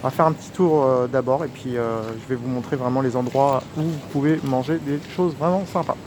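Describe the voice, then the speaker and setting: A man's voice: medium pitch, fairly quick. A man giving a casual walking tour as a vlogger, his voice slightly muffled through a face mask, outdoors on a busy street. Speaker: vlogger, street food guide. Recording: outdoor street recording with clear traffic noise. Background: urban street noise, vehicles.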